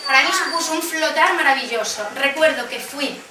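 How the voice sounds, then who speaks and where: A woman speaker telling a lively personal story at a conference, acting out the voices she quotes. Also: high-pitched, fairly quick, crowd noise. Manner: animated, acts out quoted voices, laughs often. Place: conference room. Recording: echoey hall, distant mic, background noise.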